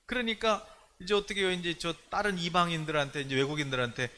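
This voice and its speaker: A man preaching a sermon as pastor at a prayer meeting in a church. He talks animatedly, asks many rhetorical questions, and swings from loud to hushed. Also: fairly high pitch, steady tone, fast talker, a little hiss or hum. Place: church, streamed online service.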